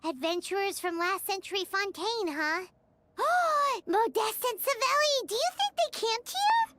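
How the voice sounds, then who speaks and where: An actress voicing Paimon, a tiny excitable fairy companion who talks about herself in the third person. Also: female voice, a little slow, background noise. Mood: curious. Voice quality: high and bright.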